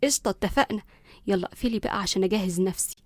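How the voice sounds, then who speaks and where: A woman's voice: medium pitch, rapid-fire, no room sound, clean studio sound, close to an everyday voice. A woman voicing a rebellious, gossipy teenage granddaughter with an Egyptian accent. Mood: scheming. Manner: scheming, gossipy.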